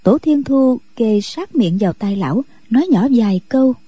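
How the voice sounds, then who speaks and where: A woman narrating a martial-arts novel as a radio story reading, in a steady, measured way with a husky voice. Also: on the high side, dry recording.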